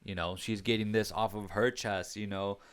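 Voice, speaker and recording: Thoughtful low-voiced man, smooth tone. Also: steady tone, normal speed. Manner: thoughtful, sympathetic. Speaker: co-host reviewer. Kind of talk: casual review chat.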